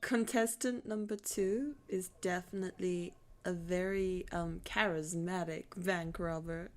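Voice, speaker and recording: A woman's voice: fairly low pitch, steady tone, measured pace. A woman playing an improv game-show round, asking the contestants playful questions.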